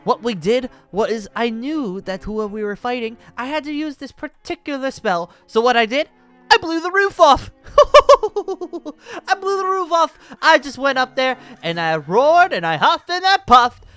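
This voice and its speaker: In an extremely high, sing-song voice that is bright, forceful and heavily acted, a man plays a boastful dragon-slayer wizard in improvised Minecraft fantasy roleplay. He cackles gleefully, measured and pompous, with genteel, flamboyant theatricality. The recording is smooth and dry, with soft background music.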